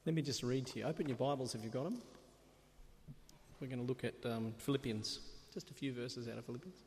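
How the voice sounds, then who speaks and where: A man's voice: medium pitch, a little fast, a little mellow, slight background noise. A man preaching a sermon in a church, chatty and self-deprecating, asking the congregation rhetorical questions. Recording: long reverb of a church hall.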